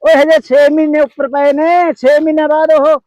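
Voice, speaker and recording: A man's voice: very high-pitched, little pitch movement, moderate pace, a little mellow, dry recording. A man playing a reluctant trader turned farmer in a rural comedy skit, complaining and repeating himself. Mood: scolding, cautionary. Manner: complaining, protesting, repeats phrases.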